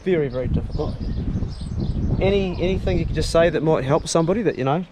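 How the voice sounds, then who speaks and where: A man's voice: a little high, fast. A man with a broad New Zealand accent chatting casually as a fishing video host, blokey, sweary and matey. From South Island, New Zealand. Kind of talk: casual chat to companion and camera. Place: outdoors on the water while fishing. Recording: clear outdoor boat and water noise.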